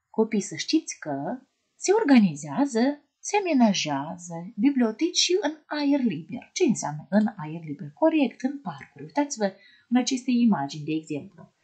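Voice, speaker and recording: A woman primary school teacher giving an online lesson to young children, asking them questions in a gentle, sing-song way. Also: medium pitch, slightly rough.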